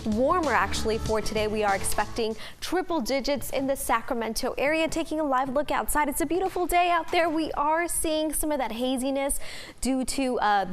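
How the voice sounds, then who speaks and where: A woman weather presenter with an American accent gives a partly ad-libbed forecast. Her voice is fairly high in pitch. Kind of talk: semi-improvised weather forecast.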